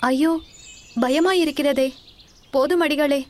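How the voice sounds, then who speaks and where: A woman's voice: high-pitched, unhurried, darkish tone, voice pushed up. A woman doing a teasing young male traveler. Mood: anxious. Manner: mocking, inquisitive.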